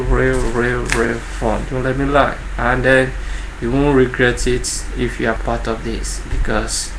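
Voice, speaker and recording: A man with a Nigerian accent speaking earnestly and informally to viewers, often repeating words and phrases for emphasis. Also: medium pitch. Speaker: online channel host. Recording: echoey room with faint background noise.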